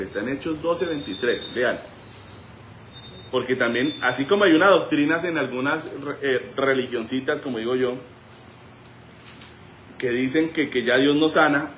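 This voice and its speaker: A man, a pastor preaching a sermon in a church and telling stories with sudden shouts. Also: mid-range voice, a little hiss or hum. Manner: animated storytelling, voice rising to shouts. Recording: echoey church room.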